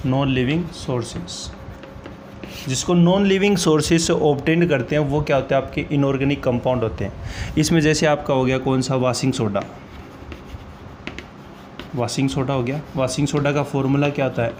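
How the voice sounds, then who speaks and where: A man gives a slow chemistry lecture in class, his voice on the high side and a little mellow, with a slight hiss or hum behind it. He asks questions and answers them himself, repeats key terms, and mixes in English phrases.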